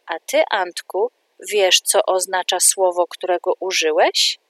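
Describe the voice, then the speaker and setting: Gentle, kindly preschool teacher from a storybook, as a woman reads her. She explains in a soft, patient voice close to the reader's own. The recording is dry and close. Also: on the low side, measured pace, dry recording.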